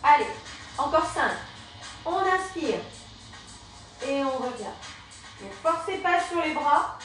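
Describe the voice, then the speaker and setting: A woman's voice: sits high, expressive, slow pace, fairly bright tone, distant mic. A woman teaching a Pilates class, cueing breathing and each movement step by step in an encouraging way. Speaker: Pilates and yoga instructor. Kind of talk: guided exercise class instruction. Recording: very echoey room, voice from afar, faint music.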